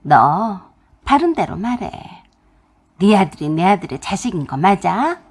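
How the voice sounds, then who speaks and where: A woman voicing a harsh, money-minded older mother-in-law who scolds loudly and interrogates, in a husky voice. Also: mid-range voice, very animated, unhurried, heavily acted. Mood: scolding.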